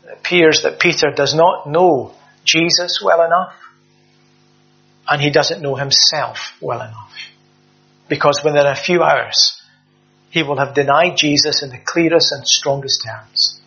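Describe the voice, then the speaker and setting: A man's voice: on the high side, unhurried, gravelly, sharp tone, lo-fi sound. A man preaching a sermon in a conversational way, with hesitant fillers and emphatic rising stresses.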